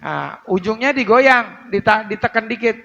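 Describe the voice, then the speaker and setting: Guy teaching religion, high voice, goes over words again and again, slow. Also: expressive, vocal fry, bright, forceful tone, dull audio. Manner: drills pronunciation, repeating words slowly and correcting them. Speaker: Islamic preacher teaching prayer recitation. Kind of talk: religious lesson. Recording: long hall reverb.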